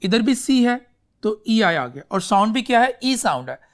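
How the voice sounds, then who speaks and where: A man's voice sitting high with big pitch swings delivers an English spelling lesson. Mixing Urdu with English, he lectures the class slowly and deliberately, giving many spelling examples. He refers to the students as "beta" and checks again and again that they follow.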